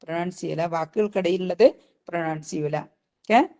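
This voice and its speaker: A woman teaches a recitation class and explains each rule patiently. She keeps checking in with "okay?" between points and slows down to recite short phrases. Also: lowish voice, mellow. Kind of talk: recitation lesson.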